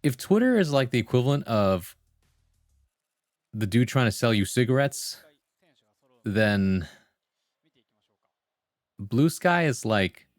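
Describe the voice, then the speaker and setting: A man's voice: on the low side, no room sound, studio quality. A man hosting a livestream, chatting casually with viewers and reading comments in a slangy, conversational way. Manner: slangy, conversational, full of "like" and "bro". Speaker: livestream host.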